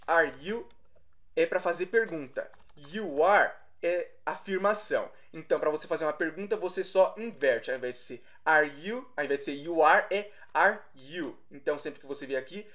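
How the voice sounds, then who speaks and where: A young Brazilian man teaching a casual English lesson, explaining slowly, repeating himself and correcting his own slips. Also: on the high side. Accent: Brazilian Portuguese.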